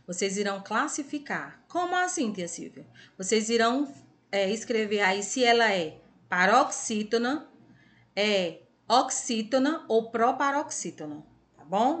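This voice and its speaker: A woman's voice: on the high side, bright, forceful tone. A Brazilian woman teaching a recorded online class to young children, reading words syllable by syllable and cheering the kids on. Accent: Brazilian Portuguese. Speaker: primary school teacher.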